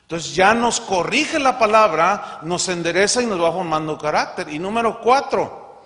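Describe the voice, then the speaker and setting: High-voiced pastor preaching in a hall. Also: male voice, animated, normal speed, a bit bright. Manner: emphatic preaching with rhetorical questions. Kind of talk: sermon. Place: large conference hall. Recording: long hall reverb.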